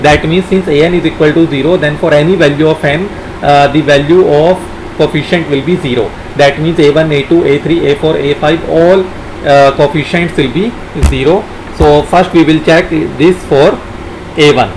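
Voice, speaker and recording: A man narrating a software tutorial as an instructor, haltingly dictating code and formulas piece by piece. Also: a little high, steady tone, noisy background.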